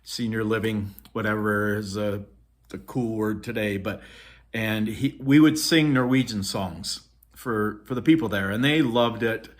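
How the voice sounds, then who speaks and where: A middle-aged Norwegian man recalls his childhood in a rambling storytelling vlog, speaking into a phone on a selfie stick with lots of ums and restarts. His voice is lowish and unhurried.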